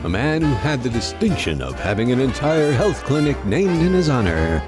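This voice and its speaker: A man's voice: medium pitch, very animated, normal speed. A man reading a playful, jokey intro for a lunch show. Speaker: show announcer. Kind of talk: radio-style show intro. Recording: with loud music underneath.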